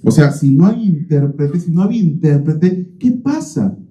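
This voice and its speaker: Emphatic pastor preaching, mellow voice. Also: male voice, on the high side, animated, normal speed. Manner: emphatic, repeats key phrases, asks rhetorical questions. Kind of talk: expository sermon. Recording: roomy, slightly dull church recording.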